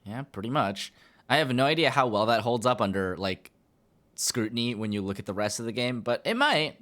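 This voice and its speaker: A man's voice: medium pitch, expressive, a little fast, a bit bright. A man streaming a game, chatting casually and rambling with lots of "like" and "um" while reading game lines. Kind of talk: casual let's-play chat, reading game lines aloud. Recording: game music under the voice. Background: game music.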